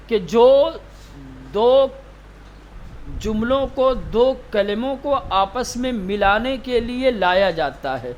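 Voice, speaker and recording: A man's voice: high-pitched, slight background noise. A man, a religious teacher, giving a classroom lesson, repeating terms and asking and answering his own questions. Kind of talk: classroom lesson on Quranic reading.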